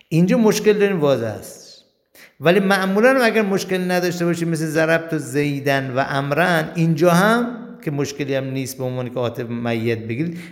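A male teacher giving a grammar lesson, explaining step by step and asking and answering his own questions. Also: mid-range voice. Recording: long reverb in a hall.

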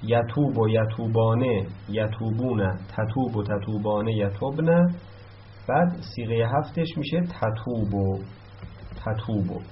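Man teaching a grammar lesson. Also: medium pitch. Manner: explains step by step, repeats words slowly. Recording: dull lo-fi sound with faint noise.

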